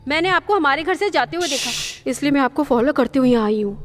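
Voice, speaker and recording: A woman's voice: high-pitched, animated, quick pace, big-room sound, slight background noise. A female dub actor playing an anxious, devoted young wife in a dubbed film. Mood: earnest. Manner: earnest, anxious. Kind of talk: Hindi film dub acting.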